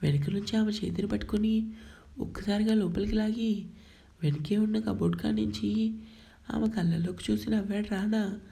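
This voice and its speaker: Woman reading a love story, gravelly mellow voice, steady pace. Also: medium pitch, normal speed. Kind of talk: scripted narration of a romance story.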